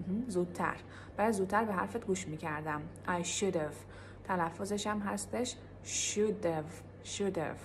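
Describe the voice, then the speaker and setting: A woman teaching English in a casual video lesson. She explains quickly, then repeats example phrases slowly for pronunciation. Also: mid-range voice, darkish tone, a little hiss or hum.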